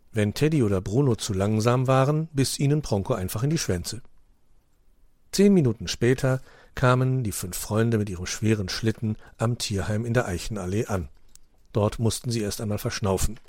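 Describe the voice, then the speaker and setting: A man reading a children's story aloud in an expressive storytelling manner. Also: fairly low pitch, normal speed, no room sound, studio quality. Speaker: narrator.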